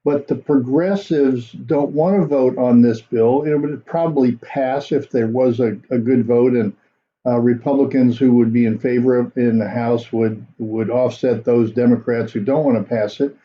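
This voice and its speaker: A man hosting a political commentary show, talking in a measured, conversational way with frequent fillers. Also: medium pitch, fairly even intonation, lo-fi sound, slight background noise. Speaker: commentary host.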